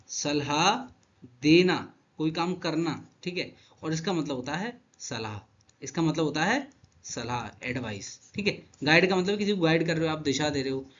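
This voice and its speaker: Animated male vocabulary teacher, lo-fi. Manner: repetitive, asks and answers his own questions; animated, jumps in pitch and loudness. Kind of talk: explanatory online lesson. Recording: dull lo-fi sound.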